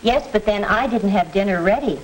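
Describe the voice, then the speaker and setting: An actress playing a gentle, practical housewife mother in a stagey 1940s educational film. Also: medium pitch, lively intonation, a little fast, lightly acted. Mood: practical, pleasant. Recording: crackly 1940s film soundtrack.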